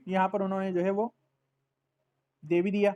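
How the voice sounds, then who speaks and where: Man, teacher, higher pitched voice, patient, repetitive, online language lesson. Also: little pitch movement, darkish tone, smooth, dull audio. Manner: patient, repeats words and checks with "ٹھیک؟". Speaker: Arabic teacher.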